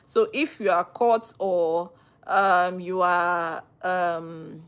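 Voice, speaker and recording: A woman's voice: on the low side, steady tone, extremely slow, clean tone. A woman with a Nigerian accent, a lawyer talking on a live stream, who explains with earnest repetition. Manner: earnest, repeats phrases while explaining. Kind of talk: live-stream talk answering viewers.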